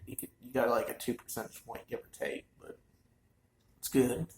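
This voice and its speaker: A man's voice: mid-range voice, big pitch swings, moderate pace, gravelly, a little mellow, roomy sound, slight background noise. A man talking casually and rambling with lots of fillers as he reviews a wine in his own vlog. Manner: rambling, chatty, frequent fillers. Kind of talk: casual chat.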